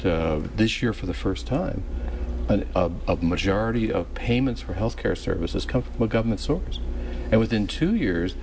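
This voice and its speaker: A man explaining his views in a political panel discussion, halting and repeating words as he goes. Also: lowish voice, animated, darkish tone. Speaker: panel guest. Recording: clear background noise.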